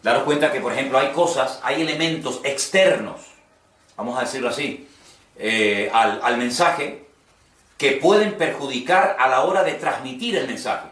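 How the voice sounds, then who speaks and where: A man's voice: mid-range voice, normal speed, a bit bright. A man from teaches preachers, earnest and conversational, often repeating his points for emphasis. He is recorded from some distance in a roomy, echoing space. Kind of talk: homiletics class lecture. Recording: echoey room, voice from a distance.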